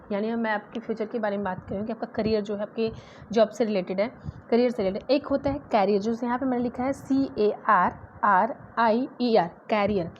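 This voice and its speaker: ऊँची आवाज़ वाली महिला शिक्षिका, धीमी स्पष्ट व्याख्या. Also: female voice, fairly high pitch, darkish tone. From India. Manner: explains patiently, spells words out letter by letter. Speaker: English grammar teacher. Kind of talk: exam-prep grammar lesson. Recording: dull lo-fi sound with faint noise.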